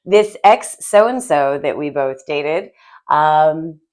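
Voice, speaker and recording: Joking woman podcast co-host, lowish voice. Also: lively intonation, slow, darkish tone. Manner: joking, playful, swears casually. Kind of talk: casual chat.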